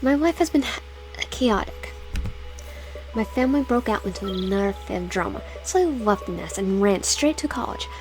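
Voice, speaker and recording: This gaming YouTuber, a young adult woman with a mid-range, animated voice, reads a horror visual novel aloud, stumbling and starting over often before chatting to her viewers. Soft music plays behind her, and the recording quality is low.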